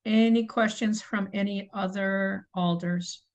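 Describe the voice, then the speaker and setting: Middle-aged woman, committee chair, procedural agenda reading on a video call, mid pitch. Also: steady tone, unhurried, lo-fi sound. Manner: procedural, apologetic, self-correcting. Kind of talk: formal meeting chairing.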